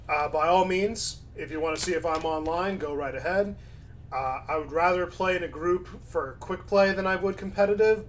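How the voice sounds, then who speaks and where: A man streams casually, reading chat aloud and commenting in a laid-back way as his voice starts to go. His voice is a little high, with a little hiss or hum in the recording.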